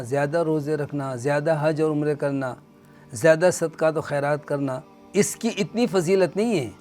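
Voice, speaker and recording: Earnest male Quran teacher, slightly high voice. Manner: earnest, explanatory, recites Arabic verses slowly. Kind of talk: religious lecture.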